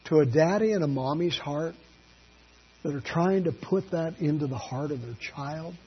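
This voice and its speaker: A man preaching a sermon as a pastor, telling folksy stories and swinging from quiet asides to loud, emphatic peaks. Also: a little high, normal speed, husky, dull audio. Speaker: Baptist pastor.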